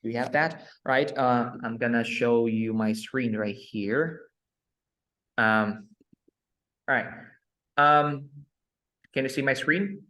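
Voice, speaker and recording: Male English tutor, video call, patient, drills words slowly. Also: medium pitch, pushed and bright. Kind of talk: one-on-one online lesson.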